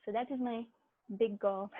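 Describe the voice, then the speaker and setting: A woman's voice: fairly high pitch, steady tone, a little slow. A woman teaching an online movement class, her voice muffled as if heard through a wall by bad headphones. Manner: friendly, hesitant, frequent fillers and small laughs. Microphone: cheap headphone mic on a video call. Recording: muffled tinny video call through cheap headphones.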